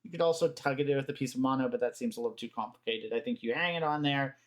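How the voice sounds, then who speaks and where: A man giving casual behind-the-scenes commentary about props, halting with fillers. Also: medium pitch. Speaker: prop master commentator.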